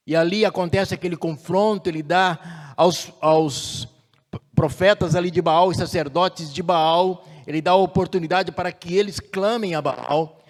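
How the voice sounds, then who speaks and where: A man with a notably high-pitched voice preaches a sermon as pastor. He talks in a measured, deliberate way, stretching out and building force on his key phrases. The sound carries a long reverb, as in a large church hall.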